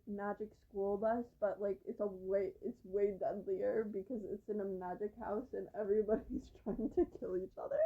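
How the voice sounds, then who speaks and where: A woman's voice: medium pitch, phone-quality sound. A young woman chatting casually about books she has read, rambling with lots of fillers. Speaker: book reviewer. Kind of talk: casual book review vlog. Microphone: phone camera.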